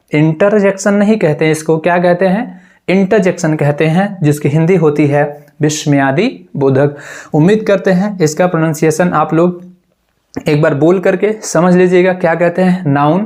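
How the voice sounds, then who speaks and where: A male teacher giving a grammar lesson, asking rhetorical questions and answering them himself, repeating key words slowly. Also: fairly high pitch, darkish tone. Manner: repeats each word slowly and deliberately. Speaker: English teacher.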